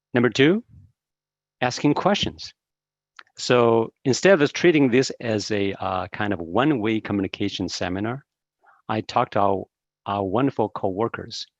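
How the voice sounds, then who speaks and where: Over a video call, a Taiwanese man in his fifties gives an encouraging online seminar talk full of hesitant fillers. His fairly low voice is gravelly, and the dry, dull call audio has no echo.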